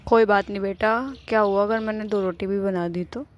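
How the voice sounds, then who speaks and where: A woman's voice: medium pitch, steady tone, fairly quick, muffled recording, natural voice. A woman voicing a scheming, bossy old mother-in-law in a cartoon, scolding and nagging. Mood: falsely sweet. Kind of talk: cartoon voice acting.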